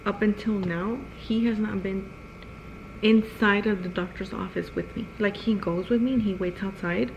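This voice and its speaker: A woman's voice: medium pitch, fairly even intonation, moderate pace, vocal fry. A young woman vlogger chatting casually, telling a personal story with lots of "like" and acted-out quotes. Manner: chatty, heavy use of "like", acts out quotes. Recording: slightly dull, faint background noise.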